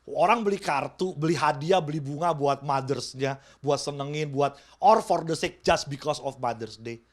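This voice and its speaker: Man, pastor, high voice, lively church sermon, code-switching with English. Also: moderate pace. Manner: animated preaching, switching between Indonesian and English. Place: church service.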